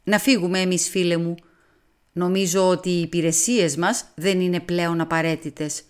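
A woman's voice: on the low side, little pitch movement, smooth, natural voice. A woman voicing a fussy, polite middle-aged male detective who speaks soothingly and drops in French phrases, in an audiobook.

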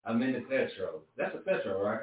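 A man's voice: mid-range voice, big pitch swings, brisk, recorded from a distance. Drawling man, roomy lo-fi sound. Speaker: podcast host, truck driver. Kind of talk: casual group chat. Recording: boxy roomy sound, off mic, lo-fi.

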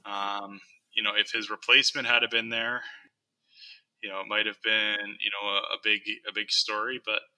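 Young man, low voice, very bright edgy tone, halting deadpan sports chat, lots of ums. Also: rough recording. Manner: halting, full of ums and restarts, dry deadpan delivery. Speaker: podcast co-host.

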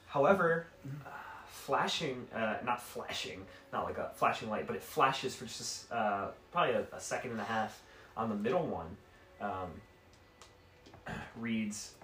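A man's voice: medium pitch, expressive, a little slow, sharp tone. A man narrating as game master in a tabletop game, rambling and correcting himself as he describes the scene. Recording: echoey room, distant mic, faint noise.

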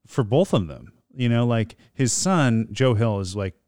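A man guesting on a podcast, talking casually with a rambling, halting delivery and a goofy streak. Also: medium pitch, animated, a little mellow, dry recording, clean studio sound. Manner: rambling, many fillers and restarts, goofy.

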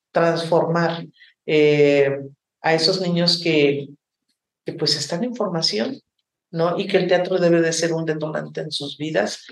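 A woman theater teacher and director from Mexico, answering interview questions with passion and frequent reflective asides. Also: on the low side. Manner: passionate, reflective, many rhetorical "¿no?" tags. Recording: roomy echo.

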